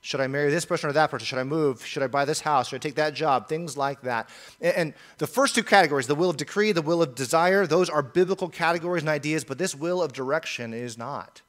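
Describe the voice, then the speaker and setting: A man's voice: fairly high pitch, quick pace. A male pastor preaching a sermon in an earnest, emphatic way, often repeating key phrases.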